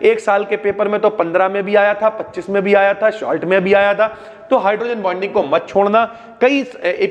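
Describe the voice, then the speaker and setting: A man's voice: long reverb tail, muffled recording. A young man with a North Indian Hindi accent gives a casual exam revision lesson, calling students brother and using homely examples. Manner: chatty, addresses students as bhaiya, homely examples, drops pitch on asides. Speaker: exam-prep teacher.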